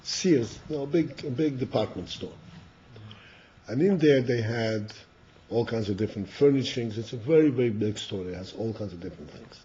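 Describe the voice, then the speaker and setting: An older male rabbi gives a slow, halting class, repeating words and clearing his throat. His voice is mellow and lowish. The recording is dull and lo-fi with a faint hiss. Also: animated. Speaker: rabbi teaching Chassidus.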